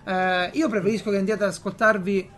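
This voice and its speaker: A man in casual podcast chat as host, animated and ironic, often repeating phrases for emphasis. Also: high voice, brisk.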